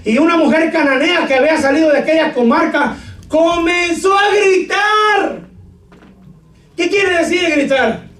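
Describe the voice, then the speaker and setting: A male pastor preaching a sermon, shouting scripture and joking with his congregation. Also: very high-pitched, brisk. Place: church hall. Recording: echoey room, far from mic.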